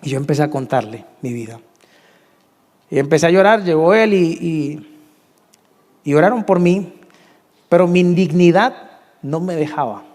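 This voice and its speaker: A man's voice: animated, moderate pace, pauses often. Colombian man preaching in a reverberant hall. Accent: Colombian Spanish. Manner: emotional storytelling, dropping to hushed tones and rising to emphatic highs. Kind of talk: testimony sermon.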